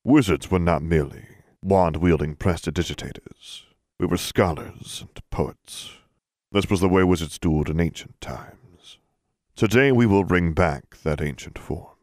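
A man voicing a very old male wizard with a deep, resonant voice in an audiobook, speaking in a slow, low, rhythmic chant. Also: darkish tone, no room sound, clean studio sound. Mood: solemn. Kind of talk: audiobook character voice.

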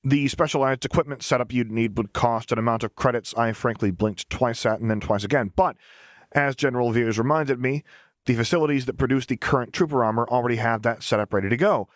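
A man's voice: medium pitch, a little fast, no room sound, clean studio sound, close to an everyday voice. A man voicing a cheerful, boyish young male engineer who talks in an upbeat, earnest way. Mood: eager.

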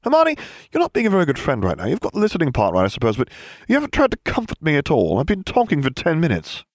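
A man putting on a petulant teenage boy wizard with a high, whiny voice that jumps around a lot. The delivery is quick and self-justifying, and the sound is dry and close. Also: wildly swooping pitch, no room sound. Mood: pleading.

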